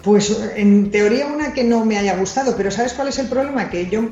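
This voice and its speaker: In a dull, roomy lo-fi recording with soft background music, a woman from Madrid answers quiz questions. She is a doctor and science communicator, and her warm, highish voice moves fairly quickly as she chats candidly and teases herself.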